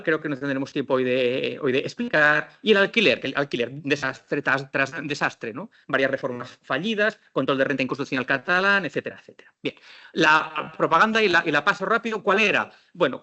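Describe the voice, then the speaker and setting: A middle-aged man from Spain giving a lively, ironic conference talk on housing law, acting out quoted dialogues. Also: fairly high pitch.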